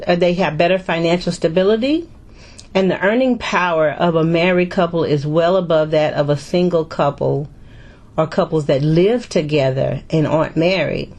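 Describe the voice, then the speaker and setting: Middle-aged woman host, lowish voice, casual chatty delivery with restarts. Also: darkish tone. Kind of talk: casual discussion.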